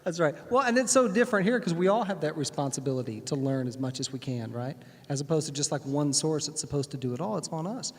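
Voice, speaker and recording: Brief: man, storyteller on stage, a bit higher voice, long reverberant sanctuary sound. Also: fast, few pauses. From Texas. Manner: animated, acts out voices in anecdotes. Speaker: guest musician. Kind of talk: conversational storytelling. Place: synagogue sanctuary.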